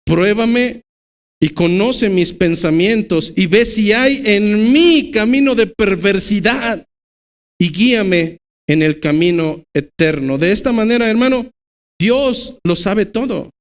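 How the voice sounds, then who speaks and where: A man with a Mexican Spanish accent delivers a church sermon. His voice sits high for a man. He swings from loud, emphatic bursts to slow, low stresses. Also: animated. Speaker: pastor.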